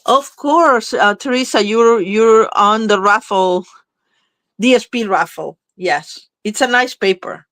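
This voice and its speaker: A fairly high, slightly bright voice takes its time here, belonging to a craft demonstrator who sounds a bit congested. She chats casually and thinks aloud during a live card-making demo, recorded with no room sound.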